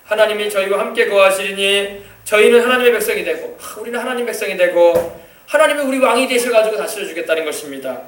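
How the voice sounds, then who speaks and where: A pastor with a South Jeolla accent giving a children's sermon, asking the children questions and waiting for their answers. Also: male voice, sits high, fast, a bit bright, slight background noise. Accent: Korean, South Jeolla (Yeosu). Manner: asks the children questions and waits for replies. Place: church sanctuary. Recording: echoey church hall, voice from far off.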